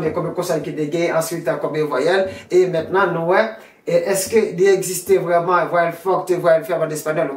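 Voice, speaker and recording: A Spanish teacher, repeating vowels and words slowly and drilling them one by one. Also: mid-range voice. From Haiti. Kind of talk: classroom lesson. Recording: roomy echo, distant from the mic.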